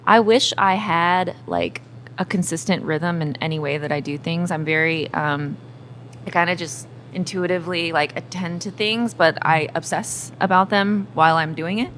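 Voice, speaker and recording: A young woman, a singer-songwriter guest on a podcast, talking in casual chat, candid and quick to laugh. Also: on the low side, a bit bright, slight background noise.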